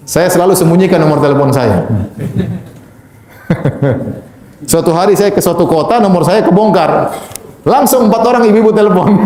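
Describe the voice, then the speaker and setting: A man preaching in a religious question-and-answer lecture, moving between soft and emphatic delivery and chuckling now and then. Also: fairly high pitch, echoey room. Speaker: Islamic preacher.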